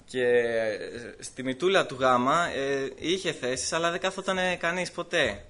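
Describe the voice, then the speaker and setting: A man giving a personal testimony in church, telling his story in a lively way with laughs, hesitations and voiced quotes. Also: medium pitch.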